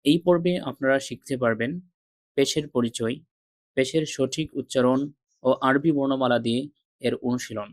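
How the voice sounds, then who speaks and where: A man teaching Arabic letter pronunciation, repeating each sound slowly and carefully, with patient classroom explanations. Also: medium pitch, no room sound. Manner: drills each sound three times with careful articulation. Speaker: Quran reading teacher. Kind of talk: slow, deliberate recitation lesson.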